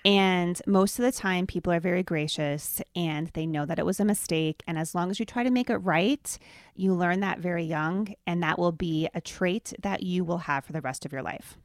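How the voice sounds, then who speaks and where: A woman's voice: on the low side, normal speed, no echo, studio quality. Chatty woman co-hosting a casual talk. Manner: chatty, laughs often, storytelling. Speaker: podcast co-host. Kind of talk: casual chat.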